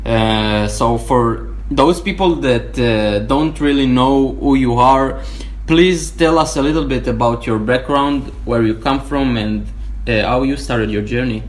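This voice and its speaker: A man's voice: medium pitch, measured pace. A young man with an Israeli accent who hosts a podcast and asks questions hesitantly, with frequent fillers. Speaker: podcast host. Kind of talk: podcast interview.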